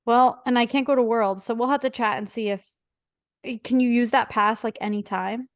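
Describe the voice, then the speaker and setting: A woman's voice: on the high side, steady tone, moderate pace, no room sound, clean studio sound. A young woman in her twenties co-hosting a casual podcast chat, easygoing and direct. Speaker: podcast co-host.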